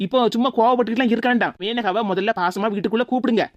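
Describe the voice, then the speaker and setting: A woman's voice: fairly high pitch, no echo, lo-fi sound, lightly acted. A woman voicing a sensible young daughter-in-law in a cartoon who gives persuasive advice. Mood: persuading. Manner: quick, persuasive, advising. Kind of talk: Tamil cartoon voice acting.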